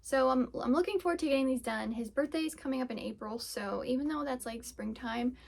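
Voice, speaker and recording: A woman's voice: sits high, fairly quick, vocal fry, slight background noise. A young woman hosting a casual crafting podcast, chatting in a rambling way with lots of fillers as she shows her work. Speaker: podcast host and yarn dyer. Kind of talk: casual chat.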